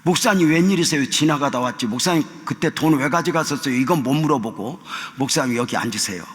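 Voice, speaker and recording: An older man, a senior pastor, preaching a sermon with stories, acting out the dialogue and swinging from hushed tones to shouting. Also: medium pitch, fast talker. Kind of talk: sermon with storytelling. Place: large church sanctuary. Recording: long church hall reverb.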